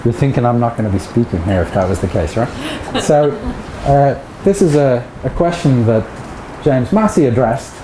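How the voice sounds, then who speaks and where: In a seminar room equipped with a projector, an Irish lecturer in middle age delivers a chatty academic talk, tossing joking asides to his listeners. His medium-pitched voice is expressive and moves at a moderate pace. The audio has echo and some background noise.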